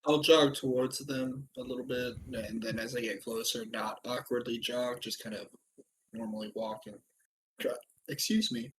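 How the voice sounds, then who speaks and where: A man's voice: medium pitch, little pitch movement, normal speed, fairly bright tone, slight background noise, poor audio. Playful man at a game table. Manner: playful, chatty, trails off. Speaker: player. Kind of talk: casual tabletop game chat.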